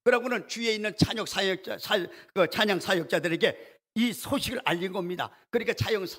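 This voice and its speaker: Preaching a Sunday sermon in a church sanctuary, a male pastor tells a story at a brisk pace in a high-pitched, fairly bright voice. He acts out the prayers he quotes, building steadily in intensity.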